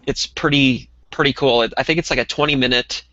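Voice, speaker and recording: A man chatting as co-host of a laid-back podcast, stumbling through ums and restarts. His voice is bright and forward but stays flat in pitch. The audio is dull and dry, like a lo-fi call. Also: brisk, slight background noise. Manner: conversational, many ums and restarts. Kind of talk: casual podcast chat.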